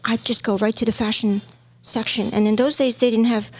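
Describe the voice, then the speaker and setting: A Hong Kong-born woman, a stylist who co-hosts a podcast, shares her story in casual chat, reminiscing warmly. Her first language is Chinese, and her fairly high, level voice moves a little fast.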